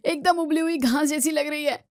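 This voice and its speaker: A woman's voice: high-pitched, fairly even intonation, moderate pace, a little mellow, dry recording. Woman doing a whiny young guy, fussy and complaining, dry sound. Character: whiny young male family member.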